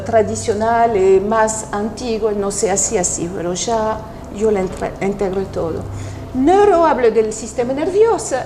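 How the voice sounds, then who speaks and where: A woman's voice: fairly high pitch, warm tone. French-accented woman explaining thoughtfully, echoey room. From France. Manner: thoughtful, explanatory, with pauses and restarts. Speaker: guest, NLP practitioner. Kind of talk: interview conversation.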